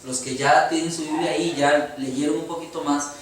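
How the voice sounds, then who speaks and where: A man's voice: on the high side, steady tone, moderate pace, very noisy. A man with a Costa Rican accent preaching a sermon as pastor, earnestly posing rhetorical questions to the congregation. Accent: Costa Rican Spanish. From Costa Rica. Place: church sanctuary. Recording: echoey church hall from far off.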